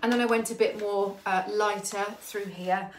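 A woman's voice: medium pitch, steady tone, moderate pace, a little hiss or hum. Uk lady hosting a live paint demo, winded, saying hi to everyone, roomy echo. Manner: chatty, greets viewers by name. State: out of breath. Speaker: furniture painter hosting a livestream. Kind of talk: live demo chat with viewers. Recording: echoey room.

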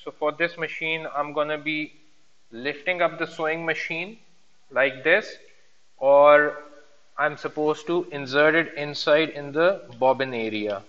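A male instructor talks through a hands-on demonstration in a bright, forceful voice. He moves between two languages while explaining each step. The sound is dull, with a long room reverb. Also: on the high side, fairly even intonation, measured pace. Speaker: sewing instructor. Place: indoor workroom at a sewing machine.

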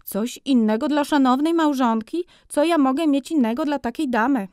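A woman voicing a fawning, pushy male furrier who pitches his wares in broken, wheedling patter. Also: normal speed, a little mellow, no room sound, studio quality, close to an everyday voice.

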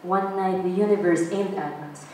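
A young adult woman performing spoken word poetry on stage, with a slow, dramatic delivery that breaks into shouted outbursts. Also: fairly low pitch, fairly even intonation, a little hiss or hum. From Philippines. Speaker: performance poet. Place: stage in a large hall. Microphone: stand mic, filmed from a distant camera. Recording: echoey hall from far off.

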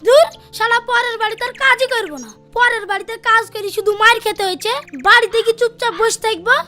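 A lazy young servant boy grumbles and talks back in a very high, piping voice, as a woman plays him. Music plays clearly behind him. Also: fairly even intonation, quick pace, bright, forceful tone. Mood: grumbling. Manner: grumbling, cheeky.

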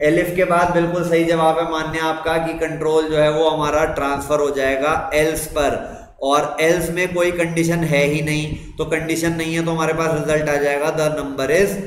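Speaking at normal speed in a fairly high, level voice, this young Indian English-accented instructor runs a live online computer class. He echoes questions back and compliments students on their answers, and the room sounds echoey with faint noise.

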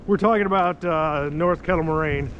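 A man's voice: a little high, normal speed, fairly bright tone, lo-fi sound. A man chatting casually and joking while hiking a wooded trail, recorded outdoors on a camera he carries. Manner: joking, laughs often. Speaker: hiking vlogger. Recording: wind noise on the mic.

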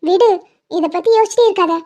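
A woman voicing a caring young college friend in an animated drama, reassuring her in a lightly teasing way. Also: very high-pitched, quick pace. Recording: dull lo-fi audio.

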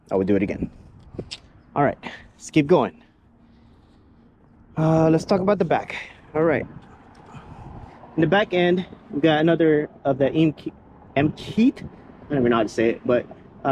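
This is a man's slightly mellow, mid-range voice, walking around a truck he built himself. The talk is casual and rambling, with plenty of fillers and false starts, recorded outside by the parked vehicle over faint ambient noise.

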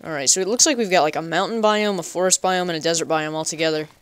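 A man's voice: fairly high pitch, fast talker, fairly bright tone, smooth. A man giving casual, chatty let's play commentary, talking to himself playfully and making up goofy nicknames for animals. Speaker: gaming channel host.

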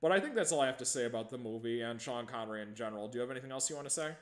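A man's voice: medium pitch, very fast. A man hosting a casual movie review podcast, rambling with frequent stammered restarts and easy laughter. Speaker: podcast host.

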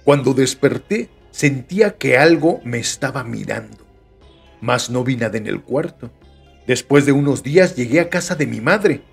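A man's voice: medium pitch, expressive, moderate pace, creaky, slightly rough, faint music behind. A man with a Mexican Spanish accent, hosting a podcast, reading listener stories aloud with chatty joking asides. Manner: chatty, joking asides between read passages. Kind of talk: casual storytelling reading.

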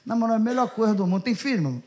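Brash, fast-talking Carioca comedian. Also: male voice, high-pitched, expressive, a little mellow. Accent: Carioca Portuguese. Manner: brash, profane, teasing the crowd. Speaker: stand-up comedian. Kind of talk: stand-up set with crowd work. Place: comedy club stage. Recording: live club crowd laughter and noise.

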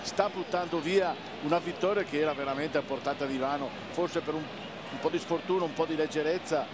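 Male football co-commentator, fairly high voice, halting conversational analysis, very loud stadium noise. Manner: conversational, halting, repeating phrases. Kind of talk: live match analysis. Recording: very noisy stadium broadcast.

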